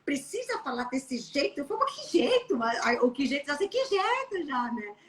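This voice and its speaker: A young Brazilian woman talking casually and bluntly as a guest on a live stream, animated and playfully acting out how others talk. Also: high-pitched, normal speed, a little hiss or hum. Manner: blunt, animated storytelling with playful quoted voices. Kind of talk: casual chat.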